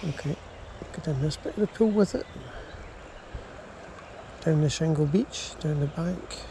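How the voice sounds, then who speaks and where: Here the fishing vlogger sounds fairly high-pitched yet dark in tone, talking a little slowly as he murmurs a casual running commentary, with the odd exclamation. He's standing in a small river, and his body-worn action camera records the constant rush of water behind him.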